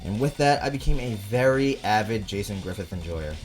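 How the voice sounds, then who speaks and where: A young man delivers scripted commentary as a video host. His voice is on the low side, with faint music playing behind him. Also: expressive, fairly quick.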